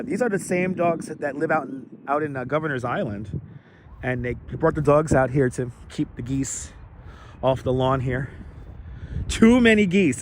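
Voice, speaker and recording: Walking through a city park on a livestream, this host talks casually in a raspy, slightly squeaky voice gone hoarse from overuse. He rambles, repeats himself, and takes turns greeting viewers. A clip-on wireless lavalier captures him cleanly against traffic and open-air noise.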